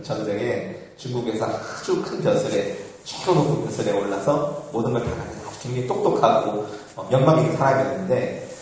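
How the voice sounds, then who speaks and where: A man gives a relaxed Buddhist dharma talk, telling a story in a conversational way with many small fillers. He stands well back from the microphone, so his voice sounds distant. A heavy echo from a large hall hangs on every word. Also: medium pitch, a little hiss or hum. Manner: conversational, with frequent "eo" fillers and laughs. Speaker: monk giving a dharma talk. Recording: very echoey, far from the mic.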